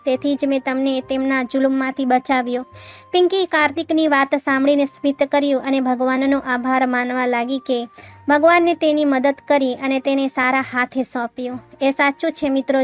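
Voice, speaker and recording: Female storyteller, scripted narration, high pitch, flat even delivery. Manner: steady reading with small restarts.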